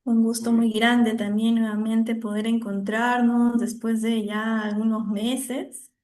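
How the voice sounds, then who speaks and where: A woman's voice: on the high side, little pitch movement, slow pace, darkish tone. A woman from Peru moderating an online talk over a video call, friendly and welcoming, with frequent fillers.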